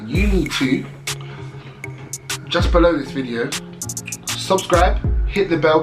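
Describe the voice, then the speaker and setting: A young British man, a student, chatting casually and playfully to camera at home, sitting close to the mic. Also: mid-range voice. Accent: British English. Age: young adult. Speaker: student vlogger. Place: at home, indoors. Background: background music.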